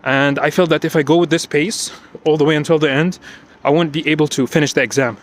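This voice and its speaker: A man's voice: fairly high pitch, fairly even intonation, fast. A man telling a story while walking outdoors, out of breath, emotional and repetitive, often restarting his sentences. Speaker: vlogger recounting an exam. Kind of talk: unscripted personal vlog.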